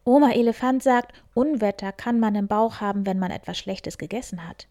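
A woman's voice: medium pitch, normal speed, lightly acted. A woman voicing a kind, caring male fox in a storybook reading, raised above her narration. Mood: earnest. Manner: lifted, louder than the narration. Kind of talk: storybook character voice.

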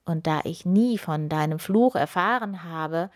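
A woman voicing a gaunt, grumpy old male wizard who talks slowly and gruffly. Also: on the low side, natural voice. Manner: slow, gruff grumbling.

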